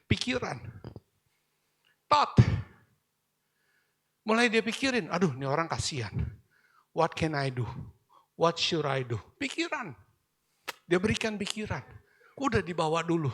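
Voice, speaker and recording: Gravelly-voiced man preaching with animation. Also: sits high. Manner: animated preaching, mixing in English phrases. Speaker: pastor. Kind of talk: sermon.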